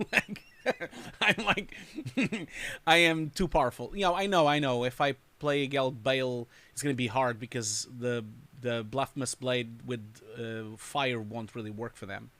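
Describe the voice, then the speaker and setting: A man's voice: mid-range voice, a little slow, a bit bright, dry recording. A man hosting a live stream, chatting casually and rambling, laughing often. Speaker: host reviewing showreels. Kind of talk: casual livestream chat.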